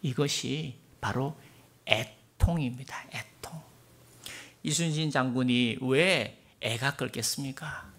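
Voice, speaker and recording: A male pastor preaching a sermon, dropping to hushed near-whispers and then rising into emphatic bursts. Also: medium pitch, slow.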